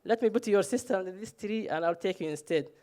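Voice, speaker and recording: A man's voice: high voice, fast, warm tone, natural voice. A man quoting his wry old grandmother in a teasing, matter-of-fact way.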